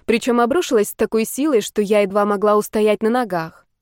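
A woman reading a first-person audiobook in a steady, even storytelling manner. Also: medium pitch, brisk, dry recording, clean studio sound. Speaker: audiobook narrator.

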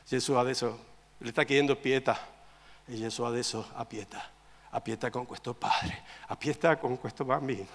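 A man's voice: medium pitch, fairly even intonation, normal speed, vocal fry. Impassioned preacher man in a reverberant church. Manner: impassioned, repetitive preaching, swinging from loud to quiet. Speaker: pastor. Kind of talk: sermon.

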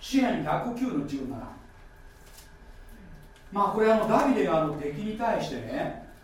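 A man's voice: sits high, very animated, unhurried, a little hiss or hum. A male pastor preaching a sermon, repeating key phrases and asking the congregation questions. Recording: very echoey church hall from far off.

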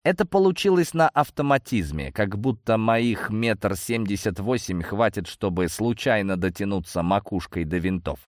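Low-voiced man with wry narration. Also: lively intonation, moderate pace, few pauses, dry recording, clean studio sound. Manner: wry, ironic. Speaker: audiobook narrator. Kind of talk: scripted first-person narration.

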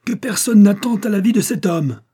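Furious old rich guy shouting orders, man putting on the voice, husky, audiobook. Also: high voice, animated, normal speed, pitched above the performer's own voice. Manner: roaring, commanding. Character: fierce older male billionaire, furious father.

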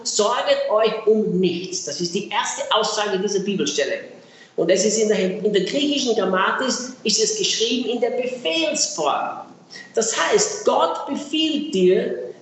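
A man preaching a sermon in earnest, emphatic tones with repeated words. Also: sits high. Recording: very echoey hall with faint noise.

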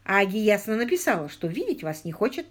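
A woman's voice: medium pitch, big pitch swings, brisk. A woman doing a sarcastic, domineering shrew. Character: sharp-tongued spiteful woman friend.

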